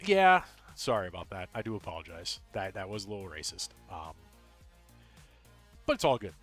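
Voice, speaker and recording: A man streaming a video game, chatting casually with viewers; he talks fast, mumbles and rambles with lots of ums and uhs. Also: low voice, big pitch swings, fairly bright tone, faint music behind. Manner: tends to mumble and talk fast.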